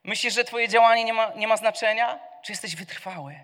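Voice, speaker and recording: A man delivers a sermon in a high, bright voice. He poses questions to his listeners and answers them, dropping low and then rising to loud cries. A long reverb fills the church around him. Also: fairly quick. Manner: swings from soft to loud, shouting the cries. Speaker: preacher.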